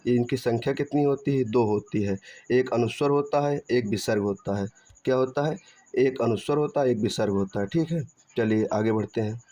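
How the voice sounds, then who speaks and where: A man's voice: medium pitch, normal speed, mellow. A man teaching Hindi grammar in an online lesson, repeating points, asking and answering his own questions and checking in with "theek hai". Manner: drags out syllables when spelling sounds. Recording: dull, muffled lo-fi recording.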